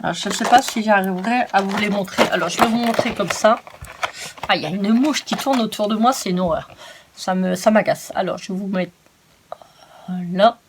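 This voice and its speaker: A woman's voice: medium pitch, brisk. Jokey female haul vlogger, talks in a mid-range voice, over a noisy home recording. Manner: chatty and playful, often scolds herself jokingly. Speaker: craft shopping-haul vlogger. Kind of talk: casual chat showing purchases.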